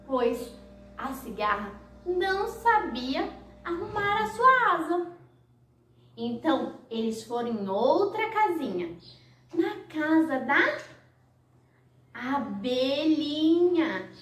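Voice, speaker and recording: A woman nursery teacher tells a story for very young children. Her voice is high and lively and she talks slowly, in an exaggerated sing-song. She sounds distant, in an echoey room. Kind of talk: storytelling for toddlers.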